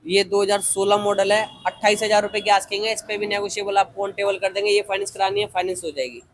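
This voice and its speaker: A young man giving a hard-sell pitch as a used scooter dealer, listing prices and deals. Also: little pitch movement, fast talker. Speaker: used two-wheeler dealer. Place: tiled scooter showroom, indoors.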